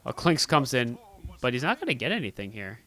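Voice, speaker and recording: A man with a booming voice doing live play-by-play commentary on a video game match. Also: big pitch swings, fairly quick, pushed and bright. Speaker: esports play-by-play caster.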